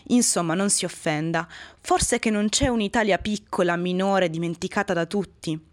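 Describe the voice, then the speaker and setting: A woman's voice: fairly low pitch, moderate pace, dry recording, close to an everyday voice. A woman as a patient, humble housemaid. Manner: gentle, patient persuasion.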